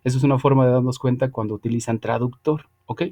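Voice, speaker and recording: A man teaching English over a video call, his voice mellow and relaxed. He explains patiently and keeps checking in with his students with a quick "ok?". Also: mid-range voice. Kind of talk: online class lecture.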